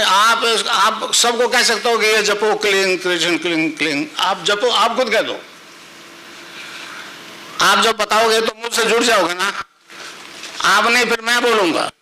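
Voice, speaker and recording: A man's voice: high voice, sharp tone, slight background noise, poor audio. An older man, a spiritual teacher giving a discourse to a live gathering, explaining with repetition and chanting mantras rhythmically. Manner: explains with repetition and questions to the crowd.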